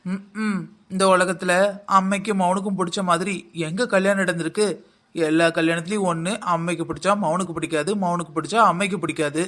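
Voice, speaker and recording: A performer voicing a grumbling young village daughter-in-law in a cartoon, with a southern Tamil Nadu accent and a deep, almost mannish voice. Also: steady tone, brisk, fairly bright tone, natural voice. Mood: wry. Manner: sarcastic, complaining. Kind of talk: village comedy cartoon dub.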